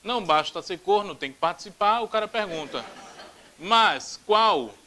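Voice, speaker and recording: Animated high-voiced Brazilian man teaching. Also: a little fast, a little hiss or hum, low-quality recording. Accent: Brazilian Portuguese. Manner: animated, repeats drills aloud, jokey asides. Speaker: Portuguese teacher. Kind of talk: grammar video lesson.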